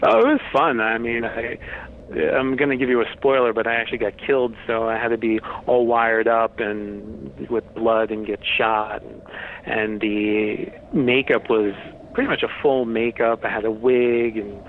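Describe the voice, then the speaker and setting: A man who runs a horror host website talks casually as an interview guest, explaining things matter-of-factly. His voice is mid-range at a normal pace, heard over a tinny, phone-like line with faint noise.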